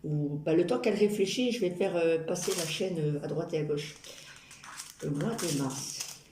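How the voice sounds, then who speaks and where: A woman's voice: lowish voice, brisk. A woman chatting casually and ramblingly to her viewers while she crafts, with playful asides. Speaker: YouTube craft vlogger. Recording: roomy echo, noisy background with clicks.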